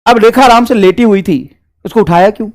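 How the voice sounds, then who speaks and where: A man with a high-pitched voice teaches a math lesson at a fairly quick pace. He drills each point by repeating it over and over and fondly calls his students children.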